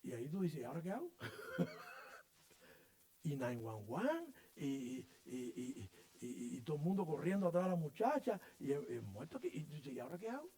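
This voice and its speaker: A middle-aged man preaching a sermon as pastor of a church, his voice high and swinging widely up and down. He tells stories with animated energy, acting out the voices and sounds of the people in them. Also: unhurried.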